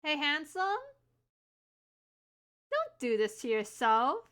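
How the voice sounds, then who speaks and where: A woman's voice: sits high, big pitch swings, slow, a bit bright, clean tone. A young adult woman hosting a live stream, chatting casually and teasing, laughing often. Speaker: livestream host.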